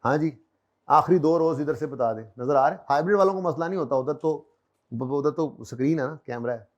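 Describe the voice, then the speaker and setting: A man's voice: on the high side, brisk, muffled recording. A man teaching an accounting class in a conversational way, quizzing his students and teasing them lightly, with a Pakistani Urdu accent. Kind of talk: classroom lecture. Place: classroom with a board.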